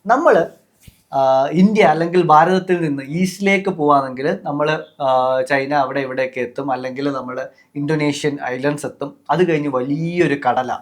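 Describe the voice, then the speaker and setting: A man's voice: fairly high pitch, normal speed. A man with a Malayali accent hosting a podcast, explaining things casually with many fillers and English words mixed in. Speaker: podcast host.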